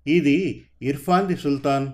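A man's voice: a little high, a little slow, close to an everyday voice. A man voicing a grieving older father who speaks sternly about his son's crime in a told story. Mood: grave. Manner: sorrowful, stern.

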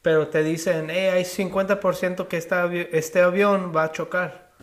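A man's voice: high-pitched, flat delivery, moderate pace. A man in casual chat who argues with statistics, mixing English words in and asking ¿verdad?.

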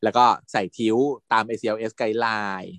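A man's voice: lowish voice, measured pace, clean tone, dry recording. A man co-hosting a podcast, casually retelling drama scenes and acting out the quoted lines. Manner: animated storyteller, acts out quoted lines in raised voice. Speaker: podcast co-host recapping a drama series.

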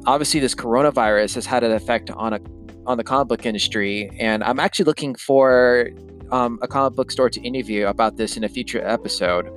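A man hosting his own podcast, talking to his listeners in an easygoing, conversational way. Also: mid-range voice. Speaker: podcast host. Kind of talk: casual solo podcast talk.

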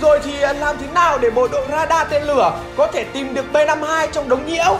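A woman's voice: high-pitched, steady tone, a little fast. A woman hosts a history show, telling it as scripted narration with a colloquial, emphatic storytelling manner. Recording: roomy echo with music.

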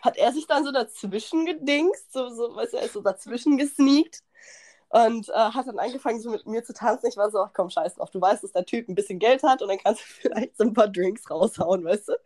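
A young woman hosting a podcast, telling a party story in slangy, animated casual chat and acting out what people said. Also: on the high side, brisk. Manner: animated, slangy, acts out quotes, laughs often. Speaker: podcast host.

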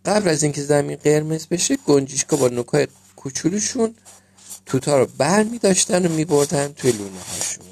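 A man reading a children's story aloud as storyteller, gentle and measured. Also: a little high, expressive, husky.

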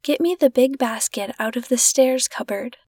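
A woman reading the lines of a brisk, decisive upper-class mother in a storybook reading, on a dry close mic. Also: high voice, darkish tone, no echo.

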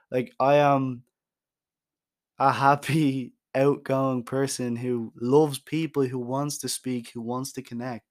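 A young man speaks openly into his own podcast mic, frank and emphatic. He swears now and then for emphasis and often restarts his sentences. His voice sits at an ordinary middle pitch. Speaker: podcast host. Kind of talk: candid solo podcast monologue.

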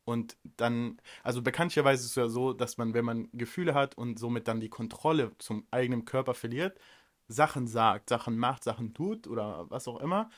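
Male podcast co-host, mid-pitched voice, blunt and direct, casual chat. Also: a little fast. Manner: frank, direct, rambling with fillers.

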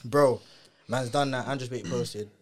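A man's voice: mid-range voice, measured pace, slight background noise. A young adult man with a London roadman accent and heavy street slang, telling stories in a casual chat. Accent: London, urban roadman slang style. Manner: slangy roadman delivery with frequent "innit", "bro" and "fam". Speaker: guest, dancer.

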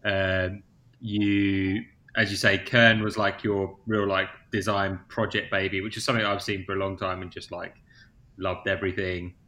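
Male host, lowish bright voice, casual, swears, relaxed interviewer. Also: moderate pace. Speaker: podcast host.

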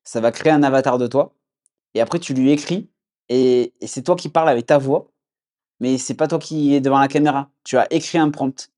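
Young guy with a southwest french accent, low mellow voice, lots of euh and restarts, laid-back podcast chat. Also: fairly quick. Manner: relaxed, many fillers and restarts. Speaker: podcast guest, agency founder. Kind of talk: casual conversation.

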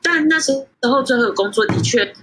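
一位三十多岁、在台湾长大的女侍酒师，通过远程连线接受访谈，说话随意，常笑，停顿和语气词很多。. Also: female voice, fairly high pitch, animated, brisk, background noise. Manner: chatty, laughs often, many fillers. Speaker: guest sommelier. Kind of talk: casual interview over a remote call. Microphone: video call.

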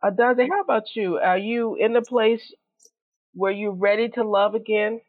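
A woman's voice: mid-range voice, fairly even intonation, moderate pace, no echo. A woman hosting a discussion, affirming her guests and reflecting on their words with repeated phrases. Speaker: host. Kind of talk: talk show discussion. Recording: dry tinny phone-like audio.

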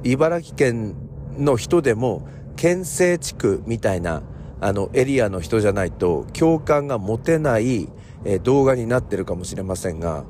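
A man from Ibaraki hosting a solo talk podcast, talking in a relaxed, rambling way with many fillers. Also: mid-range voice, measured pace, a little hiss or hum. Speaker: podcast host. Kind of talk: casual solo talk radio.

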